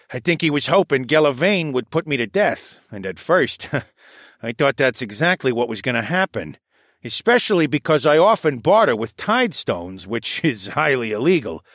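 A man voicing a shrewd, crafty old male koala archivist who talks in a knowing, animated way. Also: medium pitch, no echo, pitched above the performer's own voice, lightly acted. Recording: dry close studio sound.

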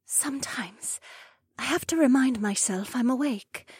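A man's voice: very high voice, a little slow, breathy edge, dry recording, clean studio sound, voice pushed up, full character voice. A man voicing a tender young Phoenix woman. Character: gentle young Phoenix woman, loving wife.

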